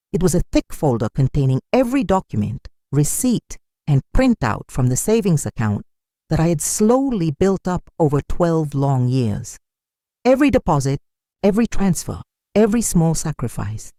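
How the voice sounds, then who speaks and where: Sombre older woman storyteller, mellow voice. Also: sits low, dry recording, clean studio sound. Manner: sombre, measured, wounded. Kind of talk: scripted first-person narration.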